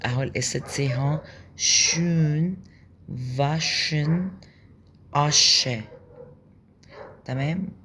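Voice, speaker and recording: A man's voice: mid-range voice, takes it slowly, pauses often, bright, forceful tone, slight background noise. A man with an Egyptian Arabic accent teaching German pronunciation, patiently repeating each sound and checking in with his listeners. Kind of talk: explaining pronunciation in a lesson.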